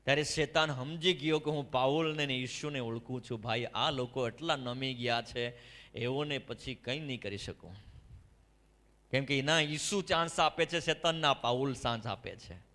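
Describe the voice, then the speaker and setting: A man's voice: mid-range voice, normal speed, bright, forceful tone. A middle-aged male pastor preaching an impassioned sermon and calling on the congregation to answer him. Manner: impassioned preaching with call-and-response. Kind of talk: fiery sermon. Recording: echoey hall reverb.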